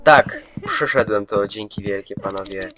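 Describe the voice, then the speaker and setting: A man's voice: lowish voice, lively intonation, unhurried, bright, forceful tone, faint music behind. A man commenting on his own play of a horror game, joking and chatting to the game's characters in a mock-soothing way. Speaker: gameplay commentator.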